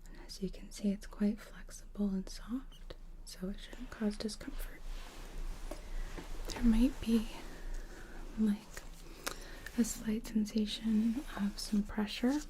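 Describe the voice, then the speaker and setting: A woman in a whispered role-play as an ear clinician, speaking close as if right in the listener's ear, gently explaining and reassuring. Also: medium pitch, steady tone, takes it slowly, pauses often, low-quality recording. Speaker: ASMR performer playing an ear clinician.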